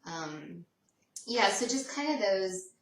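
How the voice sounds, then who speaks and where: A woman answering viewer questions in a relaxed, chatty way, often pausing with "um". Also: medium pitch, a little hiss or hum. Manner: relaxed, chatty, frequent "um" fillers. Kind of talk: casual Q&A chat. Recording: roomy echo, voice from a distance.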